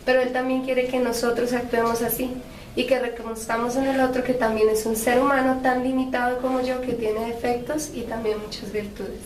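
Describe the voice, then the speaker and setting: A woman's voice: a little high, level tone, brisk, a little mellow, slight background noise. A woman in a church group giving a fluent, reflective talk on forgiveness. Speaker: prayer group member. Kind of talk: religious reflection in group discussion. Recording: echoey room, mic far off.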